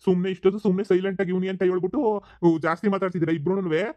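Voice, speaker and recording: A man's voice: high-pitched, level tone, rapid-fire, darkish tone, no room sound, natural voice. A man playing a bewildered, scolding village father who has forgotten his family, in a comedy skit. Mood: puzzled, scolding. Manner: scolding, incredulous, rambling.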